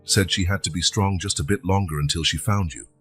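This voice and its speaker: A man voicing an earnest young girl, the older of two sisters, speaking softly in a raised voice. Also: sits low, fairly quick, soft background music. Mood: tender.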